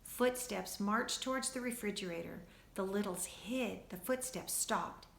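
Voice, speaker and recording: Expressive teacher reading aloud, gravelly voice. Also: female voice, mid-range voice, unhurried, roomy sound. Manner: warm, expressive, talks to the children directly. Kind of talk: storybook read-aloud for children.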